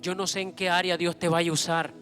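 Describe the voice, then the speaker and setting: A man preaching a sermon with fervour, building up to loud proclamations. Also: high-pitched, flat delivery, brisk, over music. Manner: fervent, rising to loud proclamations.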